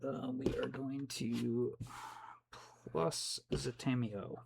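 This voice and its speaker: Gravelly-voiced man calmly narrating his card plays. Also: medium pitch, extremely slow, a little hiss or hum. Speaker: card game player. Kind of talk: casual banter while playing.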